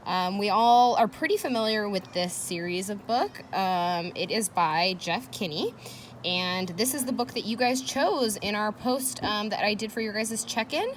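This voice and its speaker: A woman teacher with a medium-pitched voice and lively intonation reads a children's chapter book at a measured pace. She interjects casual, encouraging remarks and questions to her listeners. Kids playing nearby create a noisy background.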